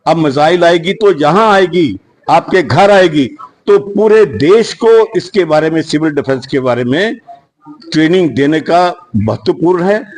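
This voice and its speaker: A man with a fairly high pitch speaks as the head of an industry association. He talks unscripted to the press, earnest and rambling, and he keeps circling back to restart his sentences. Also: lively intonation, a little slow, darkish tone, rough recording. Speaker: security industry association leader. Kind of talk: unscripted media statement.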